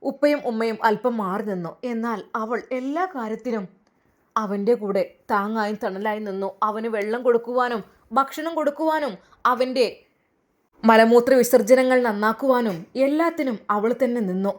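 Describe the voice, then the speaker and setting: A woman's voice: fairly high pitch, normal speed. A woman narrating an emotional family story in an earnest, dramatic way.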